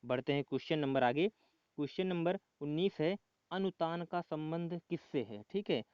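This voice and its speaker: A man's voice: fairly high pitch, expressive, moderate pace, dry recording. Dull lo-fi male tutor, repetitive. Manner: repeats the answer, frequent filler "okay", clears throat. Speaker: exam-prep tutor. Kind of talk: quiz answer walkthrough.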